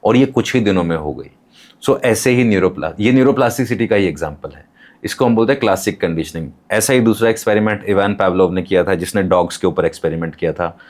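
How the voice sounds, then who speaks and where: A man speaks as a podcast guest in a lowish voice. He explains patiently, giving examples and using English terms. His manner is calm and instructive. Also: fast.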